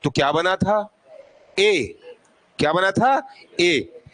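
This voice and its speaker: A man with a high voice teaches a class at an unhurried pace. He keeps quizzing his students, asking each question twice and prompting them to answer out loud. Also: expressive, no echo, low-quality recording. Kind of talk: classroom lesson.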